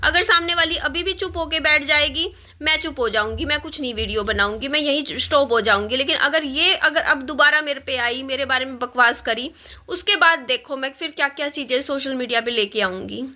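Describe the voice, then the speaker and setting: A woman's voice: high-pitched, fairly quick, sharp tone. A young woman vlogger talking straight to her viewers, upset and defiant, pleading and repeating herself as she complains about being insulted. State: distressed. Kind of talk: emotional direct-to-camera rant.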